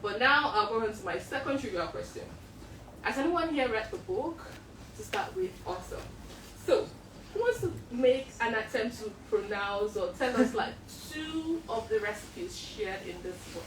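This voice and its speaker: Woman, book club host, chatty, fairly high voice, distant mic in a noisy room. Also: very animated, normal speed, roomy sound. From Nigeria. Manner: chatty, laughs often with the audience. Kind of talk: live event hosting. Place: library event room with an audience.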